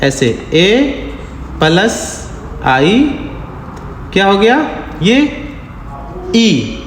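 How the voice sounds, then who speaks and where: A man's voice: high-pitched, animated, very slow, a bit bright. A man teaching a beginners' Quran reading class step by step, repeating sounds and asking rhetorical questions. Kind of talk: slow step-by-step lesson. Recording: echoey room with long reverb, faint hiss.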